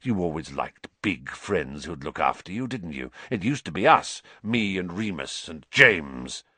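A man voicing a bitter, vengeful male wizard who speaks in a low, growling, venomous way. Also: very animated, unhurried, pushed and bright, no room sound, heavily acted.

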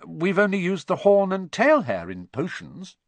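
Grown man as a young storybook boy, raised pitch, earnest, questioning, uneasy, polite. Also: sing-song, measured pace, no room sound, heavily acted. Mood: puzzled. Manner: questioning, higher-voiced, earnest. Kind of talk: dramatized audiobook character voice.

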